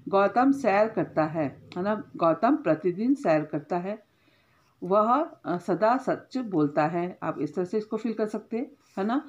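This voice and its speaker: A woman teacher walks schoolchildren through a grammar lesson step by step, frequently checking in with a short tag question and correcting herself along the way. Her voice is medium-pitched and a little mellow, and the recording has its highs cut off.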